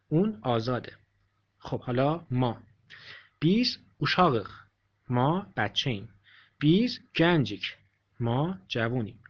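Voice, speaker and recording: A man's voice: mid-range voice, fairly bright tone. Man teaching a language lesson, dull recording. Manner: explains slowly, repeating each example sentence.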